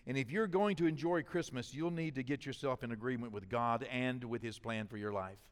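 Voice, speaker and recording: A man's voice: medium pitch, fairly quick, clean tone. Older male preacher in a reverberant hall. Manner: preacherly, swings between loud build-ups and hushed asides. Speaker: pastor. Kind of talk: sermon.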